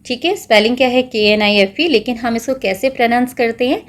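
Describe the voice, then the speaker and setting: A woman with an Indian accent, taking young children through an exam sample paper. She talks patiently and spells words out slowly, switching between Hindi and English. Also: fairly high pitch. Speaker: teacher.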